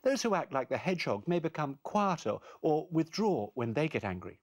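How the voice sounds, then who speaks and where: Calm man presenting a course. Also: fairly high pitch, moderate pace. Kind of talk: scripted parenting course narration.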